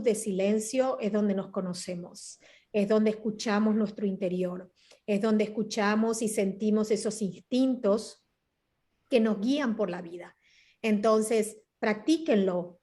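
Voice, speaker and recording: A woman hosting a podcast, calmly giving gentle advice. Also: medium pitch. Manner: calm, gently advising. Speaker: podcast host. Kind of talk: reflective podcast chat.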